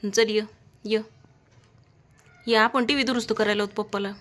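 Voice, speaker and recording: A woman's voice: fairly high pitch, fairly even intonation, normal speed, fairly bright tone. A woman in her thirties from Maharashtra with a Marathwada Marathi accent, talking casually and affectionately to her child at home for a vlog. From Maharashtra, India. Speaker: vlogger mother. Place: family home. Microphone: phone camera.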